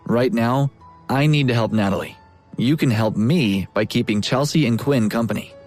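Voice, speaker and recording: A man's voice: mid-range voice, normal speed, a little mellow, faint music behind, close to an everyday voice. A man voicing a protective young man who speaks earnestly and reassuringly.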